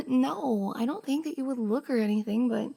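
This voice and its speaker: In an intimate F4M roleplay ASMR, a woman plays a shy, bubbly young cosplayer who is the listener's affectionate best friend, carrying on a one-sided conversation. Her high-sitting voice is soft, breathy and slightly husky, moving at a moderate pace, heavily acted, hesitant and giggly. She sounds embarrassed, then relieved.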